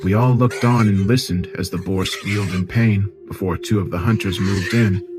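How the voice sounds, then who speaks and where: A man narrating a science fiction horror story in a measured, grave tone, with music behind. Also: low-pitched.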